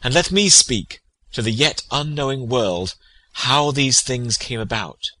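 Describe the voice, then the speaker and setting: An actor playing a loyal, grieving noble friend of a prince in Shakespearean tragedy, with solemn, measured declamation. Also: male voice, medium pitch, expressive, pushed and bright. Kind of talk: Shakespearean tragedy audio acting.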